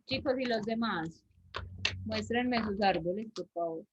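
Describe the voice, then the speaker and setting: A woman's voice: mid-range voice, unhurried, a little hiss or hum. A woman drawing teacher with an Antioquian Colombian accent, explaining step by step in an online class and checking in often with her students. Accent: Colombian Spanish, Antioquia. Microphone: video call. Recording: muffled video-call audio.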